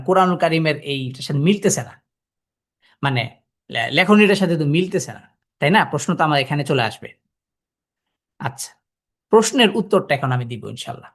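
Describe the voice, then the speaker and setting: Man teaching Quran reading. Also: a little high. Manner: explains step by step, asking the listeners rhetorical questions; sounds out letters and syllables to demonstrate. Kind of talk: classroom lesson.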